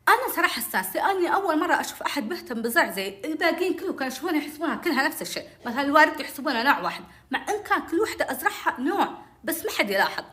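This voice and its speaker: A woman tells a personal story at a breakneck pace. Her voice is high and bright, with a pitch that swoops widely. She acts out each line of dialogue as she narrates. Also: big pitch swings, racing.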